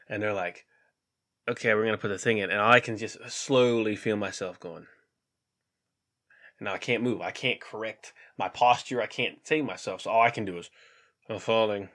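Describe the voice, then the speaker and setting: A man in his thirties telling a personal story to camera in a casual, animated way, acting out what people said. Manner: animated, acts out quotes with big pitch jumps. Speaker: vlogger.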